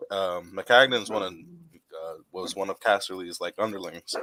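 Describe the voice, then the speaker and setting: Low, bright-toned man venting opinions. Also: moderate pace, slight background noise. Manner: opinionated, rambling with restarts. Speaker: podcast host. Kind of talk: casual sports chat.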